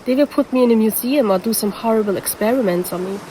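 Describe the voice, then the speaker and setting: A woman's voice: on the high side, quick pace, mellow, a little hiss or hum, close to an everyday voice, poor audio. A woman voicing a predatory female siren who poses as a lifeguard and teases the listener in an audio roleplay. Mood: teasing, menacing. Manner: teasing, calls the listener handsome.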